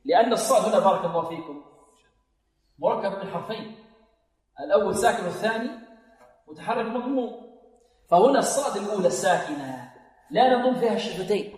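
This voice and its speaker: A man's voice: high voice, expressive, fast talker, pauses often, a little mellow. A man teaching Quran recitation, patiently repeating sounds for his students to copy and chanting short examples. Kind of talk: tajweed lesson with chanted demonstrations. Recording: long reverb, religious radio broadcast.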